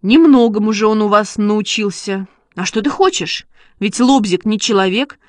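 A woman voicing an excitable schoolboy who coaxes and exclaims while training his dog, read as a storybook. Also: medium pitch, moderate pace, no room sound, clean studio sound, natural voice. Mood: pleading. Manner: eager, coaxing, exclaiming. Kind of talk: storybook reading.

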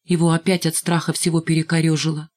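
A woman narrating a children's story in a first-person, measured, storytelling manner. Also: deep voice, little pitch movement, darkish tone. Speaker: audiobook reader. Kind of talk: scripted narration.

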